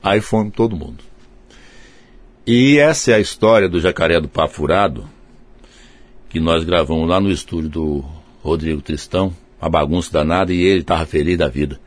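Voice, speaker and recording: A man, a samba composer, telling a funny anecdote in a casual, lively storytelling way, jumping up in pitch to mimic other people. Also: normal speed.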